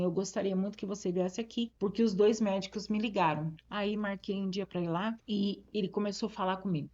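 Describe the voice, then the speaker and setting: A woman's voice: medium pitch, a little mellow. A woman pastor from Brazil giving a personal testimony in an interview. She tells it with feeling and acts out the dialogue. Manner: emotional storytelling, acts out dialogue. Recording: slightly dull, muffled audio.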